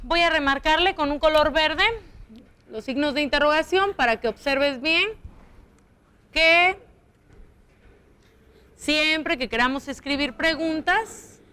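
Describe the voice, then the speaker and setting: Slow, bright-voiced woman teaching children. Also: high voice. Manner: slow, patient, stretches example sentences to show intonation. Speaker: primary school teacher. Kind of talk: televised classroom lesson.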